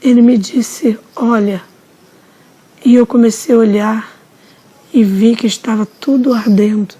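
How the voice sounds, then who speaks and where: A woman narrating a religious testimony in a solemn, measured storytelling manner. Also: a little high, dark tone, slightly rough. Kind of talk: slow dramatic testimony narration.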